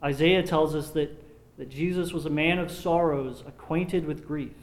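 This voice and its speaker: A man preaching a sermon in an earnest, measured way, sometimes repeating words as he restarts a phrase. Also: fairly high pitch, steady tone. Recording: echoey room.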